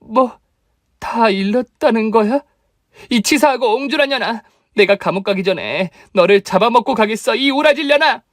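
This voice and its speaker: A woman voicing a scheming, unhinged young sister-in-law in a radio drama, swinging between shrill cursing and pleading. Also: expressive, normal speed, dry recording, clean studio sound, close to an everyday voice. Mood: furious. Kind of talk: Korean radio drama acting.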